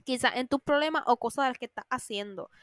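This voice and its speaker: A woman hosting a podcast, animated, acting out whiny friends in a higher voice. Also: quick pace, dry recording, clean studio sound. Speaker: podcast host. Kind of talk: casual monologue.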